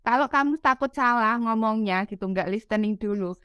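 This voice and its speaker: Candid woman with a smooth voice. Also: fairly high pitch, normal speed, sharp tone, no room sound, highs cut off. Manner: candid, self-deprecating, quotes her child. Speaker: parent sharing experience. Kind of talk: casual chat.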